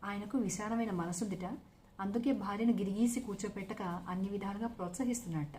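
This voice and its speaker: A woman narrating a serialized novel aloud in a steady storytelling manner. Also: mid-range voice, quick pace, a little hiss or hum.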